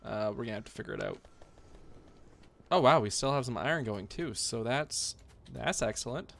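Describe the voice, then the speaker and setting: Gravelly man narrating his gameplay. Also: medium pitch, animated, normal speed, a bit bright, a little hiss or hum. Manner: sassy, self-mocking, thinking aloud. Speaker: gaming video host. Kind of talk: casual let's-play commentary.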